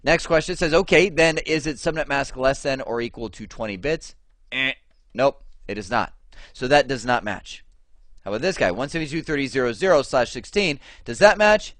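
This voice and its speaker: A man teaching networking over slides in a chatty, lively way, often asking the viewer questions. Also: mid-range voice, normal speed, no echo. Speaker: networking instructor.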